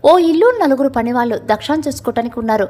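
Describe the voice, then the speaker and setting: A woman's voice: high-pitched, animated, racing, dark tone. A woman narrating a family drama story from a script, reading every character's lines herself.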